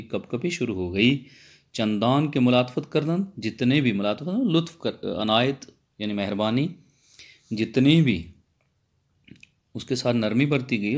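A man, a Persian lecturer, reads a Persian text phrase by phrase and explains each one again in simple words. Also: on the low side. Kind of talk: line-by-line text explanation lesson.

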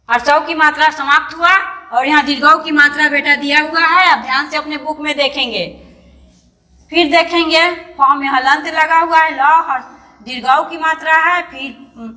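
A woman's voice: high voice, bright, forceful tone, in a large hall. A woman teaching young children an online lesson, patiently breaking words into syllables and sounding each one out, often calling the pupil "beta". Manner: calls the pupil "beta" fondly.

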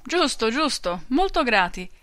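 A woman's voice: on the high side, sing-song, measured pace, fairly bright tone, voice pushed up. A woman voicing a hearty farmhand who encourages and eagerly agrees. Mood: encouraging. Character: hearty consoling farmhand, man.

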